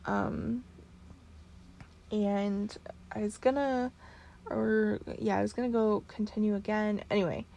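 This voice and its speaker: A woman's voice: mid-range voice, steady tone, slow, vocal fry, pauses often, warm tone, lo-fi sound. A tired woman vlogger rambling casually, full of fillers and restarts. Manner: rambling, many fillers and restarts, talking in circles. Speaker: vlogger and podcaster.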